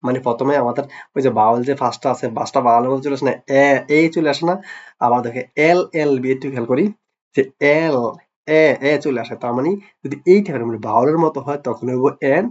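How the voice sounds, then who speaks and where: A man of middle pitch teaches a grammar lesson, checking in with "clear?" after each example and quizzing his young pupils. He talks to them with a teasing, affectionate tone. The sound is slightly dull and lo-fi. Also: quick pace. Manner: repeats "clear?" and quizzes the listener. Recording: dull lo-fi recording.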